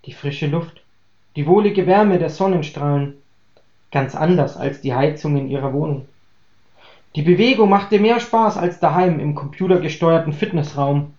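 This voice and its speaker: A man reading a German story aloud in a calm, even audiobook voice. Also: on the high side, moderate pace. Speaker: story reader. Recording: roomy, dull lo-fi recording.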